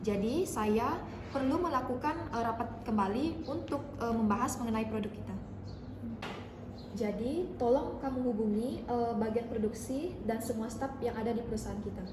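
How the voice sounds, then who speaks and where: A woman playing a formal, courteous company boss in an amateur drama, giving instructions in a hesitant, measured way. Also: fairly high pitch, distant mic, lightly acted. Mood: formal, instructing. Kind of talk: scripted amateur drama role-play. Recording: echoey room with noisy background.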